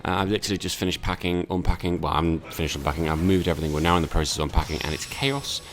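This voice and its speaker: A man's voice: low voice, racing. A tired man recovering from illness, casually commentating a Pokemon battle with lots of fillers and self-corrections.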